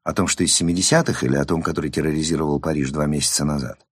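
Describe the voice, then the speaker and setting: A man's voice: very deep voice, steady tone, very fast, breathy edge, dry recording, clean studio sound, pitched below the performer's own voice. A man doing a nervous, evasive psychiatrist. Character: nervous, evasive middle-aged male psychiatrist.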